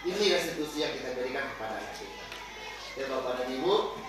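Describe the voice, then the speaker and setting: A man presenting to fellow teachers, animated, switching between loud scolding lines and low calm asides. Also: fast, distant mic. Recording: very echoey room, voice from off-mic.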